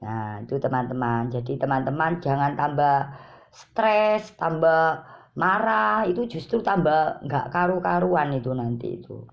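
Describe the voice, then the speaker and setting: A woman giving parenting advice in a calm, repetitive way, speaking directly to her viewers. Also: sits low, unhurried, creaky. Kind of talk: informal advice talk to parents. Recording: dull lo-fi recording.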